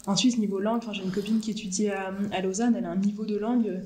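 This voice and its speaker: A woman in her twenties from France, a student chatting casually as an interview guest over a video call, full of fillers and quick to laugh. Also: medium pitch, steady tone, darkish tone, reverberant. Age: 20s.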